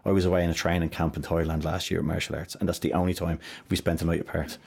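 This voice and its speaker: A man's voice: deep voice, flat delivery, fast, gravelly, darkish tone, husky. A middle-aged Irish man chatting as a podcast guest, telling stories animatedly with many restarts. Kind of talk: casual interview chat.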